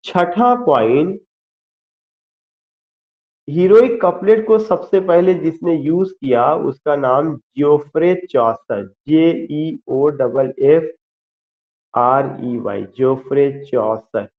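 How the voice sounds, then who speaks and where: A male literature teacher giving an online lecture, speaking deliberately and spelling out terms letter by letter. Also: on the high side, narrow, tinny audio. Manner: slow, deliberate, spells words letter by letter, mixes Hindi and English. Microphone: screen-share with whiteboard, computer mic.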